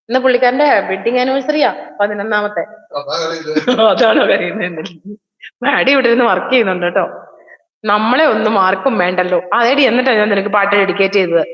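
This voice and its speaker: A woman hosting a casual livestream, chatting and teasing as she reads viewer comments. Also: mid-range voice. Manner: chatty and teasing, quick bursts of speech. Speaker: singer and livestream host. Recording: echoey, reverberant room, slightly dull sound.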